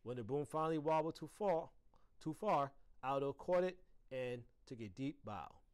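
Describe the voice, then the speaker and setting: A man, an assistant principal, narrating a children's chapter book aloud in an expressive storytelling manner. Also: moderate pace, smooth. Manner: expressive storytelling with lively pitch.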